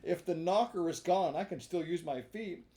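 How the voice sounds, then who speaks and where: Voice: moderate pace, mellow, lightly acted. The reader voicing a young marionette boy who pleads, begs and loses his temper in a storybook reading. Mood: desperate. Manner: high, urgent pleading.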